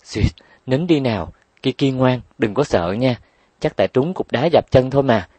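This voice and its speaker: A man voicing a kind boy who gently coaxes and soothes a younger girl. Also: mid-range voice, lively intonation, normal speed, breathy edge, dry recording, voice pushed up. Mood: coaxing. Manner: coaxing, gentle pleading. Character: kind older boy soothing little girls.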